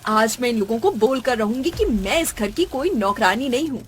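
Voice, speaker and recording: A woman voicing an overworked young daughter-in-law in an animated cartoon, complaining and snapping indignantly. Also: a little high, normal speed, slight background noise, close to an everyday voice. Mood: fed up.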